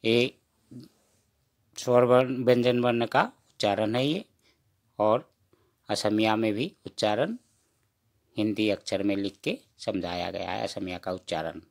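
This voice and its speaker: A man's voice: on the low side, gravelly. A man giving a lesson, reading letters aloud one at a time and repeating them. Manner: reads letters one by one, repeating them slowly, addresses viewers as friends. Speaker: teacher.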